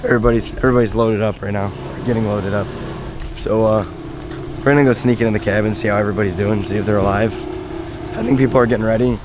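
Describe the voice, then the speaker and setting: Hoarse man vlogging casually. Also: on the low side, steady tone, quick pace, noisy background. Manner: laid-back, rambling, many fillers. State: hoarse, losing his voice from a sinus infection. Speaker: fishing vlogger. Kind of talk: casual vlog talk to camera. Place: car, then outdoors by a lake.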